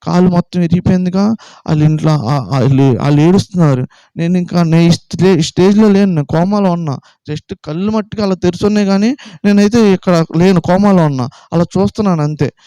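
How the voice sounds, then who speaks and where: Fast-talking man giving a testimony. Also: high voice, warm tone, clean tone, no room sound, rough recording. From Vijayawada, Andhra Pradesh. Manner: rapid, repetitive storytelling that acts out quoted dialogue. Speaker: testimony speaker. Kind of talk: personal faith testimony.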